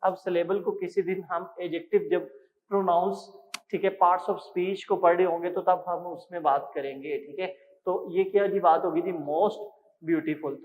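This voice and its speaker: A man teaching English grammar in a classroom lecture, explaining step by step and reading example sentences slowly. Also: high-pitched. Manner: explains step by step, often adds "ठीक है" and "जी". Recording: tinny phone-like sound with long reverb.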